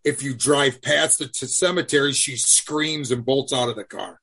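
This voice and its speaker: Male co-host, husky, casual and joking. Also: medium pitch, moderate pace, a bit bright. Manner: joking, chiming in. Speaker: podcast co-host. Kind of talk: casual chat.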